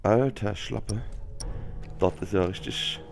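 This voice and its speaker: A young man with a cold hosts a let's play gameplay series, muttering, swearing and commenting casually in slang into a headset mic. His voice is on the low side with vocal fry, and he takes it slowly over game music and gunfire.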